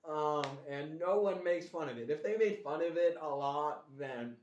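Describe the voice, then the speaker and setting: A man's voice: a little high, animated, moderate pace, darkish tone, muffled recording. A man casually reviewing a cartoon show in a put-on Australian accent, rambling and restarting his sentences. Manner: rambling with restarts, mock-complaining. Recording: echoey room.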